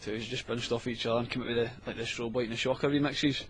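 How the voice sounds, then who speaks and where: A man's voice: mid-range voice, fairly even intonation, rapid-fire, fairly bright tone, a little hiss or hum. A Scottish man guesting in a radio studio, talking casually and easygoing, often agreeing with "aye". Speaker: music producer guest. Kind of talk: casual radio interview chat.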